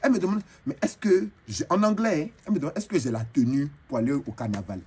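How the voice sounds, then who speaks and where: A comedian with an Ivorian French accent performs a comic monologue in character as a flamboyant, boastful female braider chief who tells funny tales and drifts into broken English. His voice is a little high, fast and darkish, with a breathy edge.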